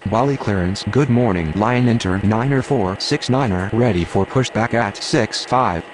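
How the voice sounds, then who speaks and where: A man's voice: fairly low pitch, moderate pace, close to an everyday voice. A man speaking clipped, formal air traffic radio phraseology as an airline pilot. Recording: faintly noisy, vehicle-like background.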